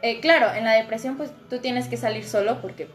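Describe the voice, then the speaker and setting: A woman's voice: fairly high pitch, brisk, faint music behind. A young woman with a Mexican accent in casual podcast chat, earnest and advice-giving, with slang. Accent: Mexican Spanish.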